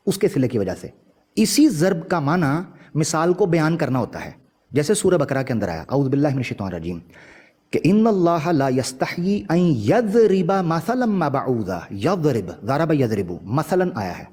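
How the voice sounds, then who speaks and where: A man debating on a video call, calmly and patiently explaining word meanings and urging the other side to relax. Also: on the high side, breathy edge. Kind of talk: online religious debate.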